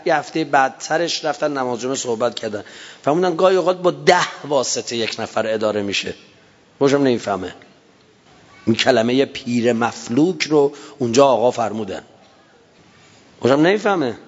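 A man in his fifties giving a religious lecture, telling stories with emphatic rises. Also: on the high side. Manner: storytelling with acted-out quotes and rising emphasis. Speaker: speaker. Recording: dull sound in a long-reverb hall.

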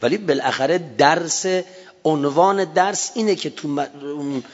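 Middle-aged guy lecturing, storytelling, voice jumps up for emphasis, muffled hall sound. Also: on the high side. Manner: storytelling with acted-out quotes and rising emphasis. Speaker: speaker. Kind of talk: religious lecture. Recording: dull sound in a long-reverb hall.

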